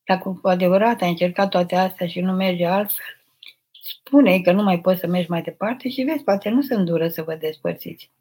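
An older woman, an abbess, reading out viewers' questions and answering them in a gentle, motherly, unhurried way during a live spiritual question session. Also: on the low side, breathy edge. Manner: gentle, motherly, unhurried, addresses listeners tenderly. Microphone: live stream microphone.

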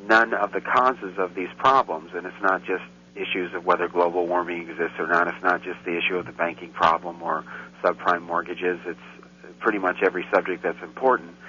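This low-pitched male guest commentator has a bright, forceful tone as he rambles through casual radio chat in Central Europe, getting more and more indignant. The audio sounds dull with a faint hiss.

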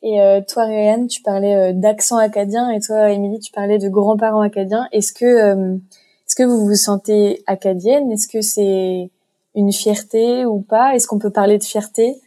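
A woman hosts a podcast interview and puts measured questions to her guests. Her voice is mellow and dark, with very little rise and fall. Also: mid-range voice, fairly even intonation. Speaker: podcast host.

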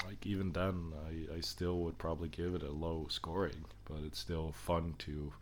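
A man's voice: extremely low pitch, level tone, normal speed, slight background noise. A man co-hosting a podcast, chatting casually about a film, agreeable, laughing often, with stammering restarts. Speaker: podcast co-host. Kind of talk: casual film review chat.

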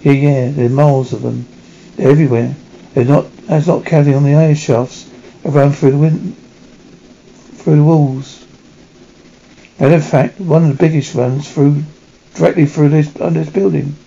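A sly, conspiratorial prisoner of war plotting escape, acted by a man. The voice is fairly high and creaky, slightly dulled by the recording. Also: fairly even intonation, normal speed, long pauses, dark tone, highs cut off, slight background noise. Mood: eager.

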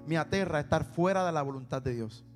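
High-voiced Puerto Rican preacher in a hall. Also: male voice, fast talker. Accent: Puerto Rican Spanish. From Puerto Rico. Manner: storytelling, acts out dialogue, repeats words for emphasis. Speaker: preacher and singer. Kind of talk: sermon with personal testimony. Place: church sanctuary. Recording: long hall reverb with faint music.

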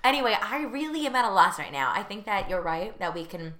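A woman co-hosting a casual chat about a TV show. She talks in quick, chatty bursts full of fillers. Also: mid-range voice, lively intonation, a bit bright. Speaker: podcast co-host.

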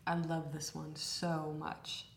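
Low gravelly-voiced woman in echoey room. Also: takes it slowly. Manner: relaxed, explains slang terms. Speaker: podcast co-host. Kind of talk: casual chat.

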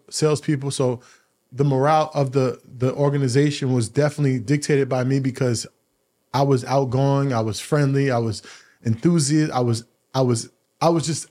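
A man hosting a podcast, telling a personal story in a casual, animated way, often repeating words and using slang. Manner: animated, acts out quoted dialogue with raised pitch; uses casual slang and profanity. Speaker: podcast host.

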